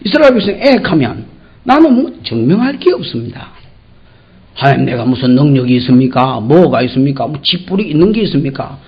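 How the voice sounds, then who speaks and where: A pastor with a Gyeongsang accent preaches in a folksy, joking manner and acts out the dialogue. His voice is husky, high and very lively in pitch. The church recording sounds muffled and lo-fi. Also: a little fast. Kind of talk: expository sermon.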